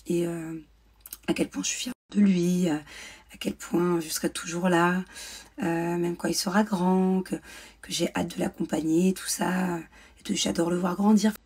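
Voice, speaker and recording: A woman's voice: lowish voice, flat delivery, unhurried, a little mellow, breathy edge. A young woman telling a personal story in a vlog, hesitant with many fillers and restarts. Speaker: mother vlogger. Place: indoors at home, ring light.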